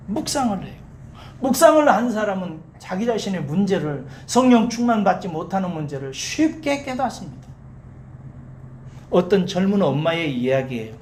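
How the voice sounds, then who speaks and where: A pastor preaches in a church and tells a story with a lively, rising and falling delivery. Rhetorical questions go out to the congregation, and key words are drawn out slowly. The voice rings through a roomy hall over a faint background hum. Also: medium pitch. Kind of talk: sermon.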